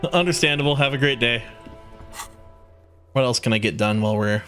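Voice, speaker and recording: A man's voice: medium pitch, brisk, a bit bright, soft background music. A man giving casual, profane, joking commentary while streaming a game.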